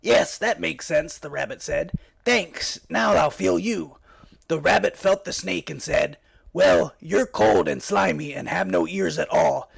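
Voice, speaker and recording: A man's voice: high voice, unhurried, heavily acted. A man voicing a scruffy cartoon bat who hosts a late-night comedy show, delivering jokes in a punchy way and switching voices between the characters in them. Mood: cheeky. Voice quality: gravelly, husky. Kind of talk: cartoon stand-up joke telling.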